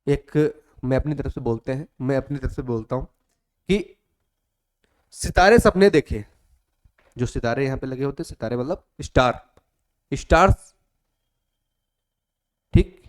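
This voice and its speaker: A man's voice: medium pitch, expressive, a little slow, long pauses. A male coaching teacher speaking. He gives a motivational class talk, repeats his points over and over, calls the students "beta" and sometimes acts out student voices.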